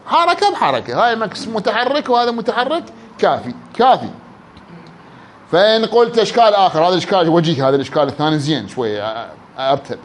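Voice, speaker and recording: A man with an Iraqi accent teaching an Arabic grammar class. He quizzes his students and drags words out slowly to show how they sound. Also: high-pitched, big pitch swings, a little hiss or hum. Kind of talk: classroom lesson.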